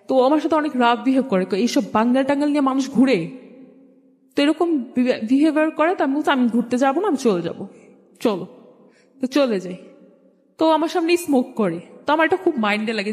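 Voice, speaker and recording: A young woman with a Bangladeshi accent, appearing as a guest, shares her life story informally and conversationally, often quoting exchanges. Her voice is high-pitched with a darkish tone, and the recording has a reverberant, hall-like echo.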